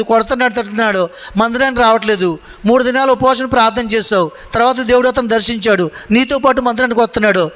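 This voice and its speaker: A man's voice: very high voice, sharp tone. A man preaching a sermon to a congregation in a church, asking them questions and calling for their answers. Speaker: pastor. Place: church hall. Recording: long hall reverb.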